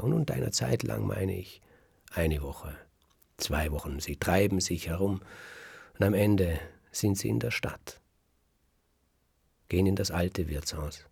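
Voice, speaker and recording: A man telling a folk tale aloud in a lively, dramatic way, voicing the characters and dropping to a whisper at tense moments. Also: deep voice, gravelly, slightly rough, dry recording, clean studio sound. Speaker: storyteller. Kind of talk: oral folk-tale storytelling.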